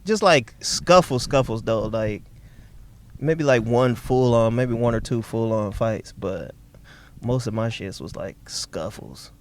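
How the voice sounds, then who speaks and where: A man's voice: mid-range voice, a little slow. A young man from Detroit, a stand-up comedian, telling loose, profane stories in a casual chat inside a car. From Detroit, Michigan.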